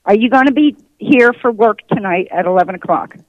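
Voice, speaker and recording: A woman's voice: medium pitch, animated, a little fast, dry recording. A woman posing as someone's boss on a prank phone call, heard over the phone and repeating the same insistent lines. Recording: muffled phone line.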